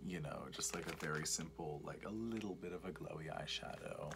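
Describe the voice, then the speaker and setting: A young man doing soft-spoken, mostly whispered ASMR as a makeup vlogger, rambling and repetitive in a campy way, with a breathy murmur. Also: brisk. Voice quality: breathy whisper mixed with low creaky murmur. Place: small cluttered room indoors. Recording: noisy home recording with clicking and tapping.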